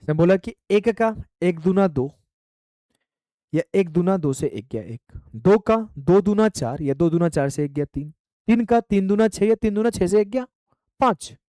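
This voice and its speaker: Male math lecturer, talking to students, animated and warm-toned. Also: sits high, no echo. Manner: lively, talks to students directly, voices their answers. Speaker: math teacher. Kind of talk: online exam-prep lecture.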